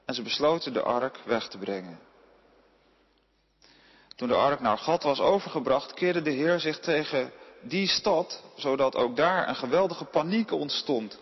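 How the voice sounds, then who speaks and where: A man reading a Bible passage aloud at a steady pace, now and then correcting a slipped word. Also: a little high, measured pace, slightly rough, long reverb tail, muffled recording. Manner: steady reading with occasional slips and self-corrections. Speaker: scripture reader.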